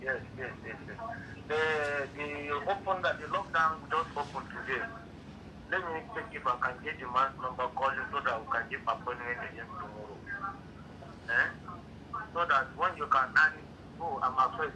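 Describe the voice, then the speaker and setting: A man's voice: mid-range voice, normal speed, background noise. A man talking on a phone call heard through a speakerphone, so his voice comes over a clipped phone line. He is an official explaining a delay, and he keeps repeating himself and asking rhetorical questions. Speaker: official handling an impounded car.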